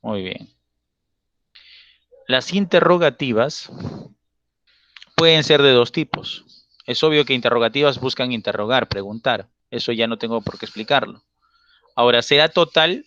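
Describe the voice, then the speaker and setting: A man teaches grammar in a bright, forceful voice. He explains patiently and keeps checking understanding with short tag questions. The sound is dry and somewhat dull, like a lo-fi online class recording. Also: mid-range voice, no room sound.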